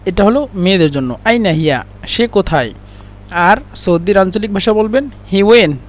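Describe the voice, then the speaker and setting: A man with a high-pitched voice gives a casual spoken lesson in Arabic phrases, explaining each one slowly and repeating the examples.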